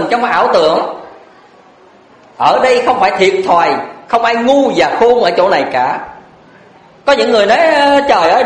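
A Buddhist monk giving a blunt, earnest dharma talk full of rhetorical questions. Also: male voice, high voice. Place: lecture hall. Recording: echoey hall.

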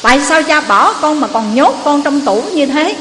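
A woman's voice: high voice, expressive, moderate pace, fairly bright tone. A woman voicing a wronged young thief son. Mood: reproachful. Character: young adult male thief, aggrieved son. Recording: echoey hall, faint noise.

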